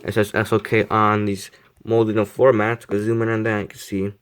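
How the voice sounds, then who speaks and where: A man's voice: fairly low pitch, completely flat delivery, normal speed, smooth. A young man casually reviewing a model car, rambling, repeating himself and poking fun at himself. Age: young adult. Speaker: die-cast model reviewer.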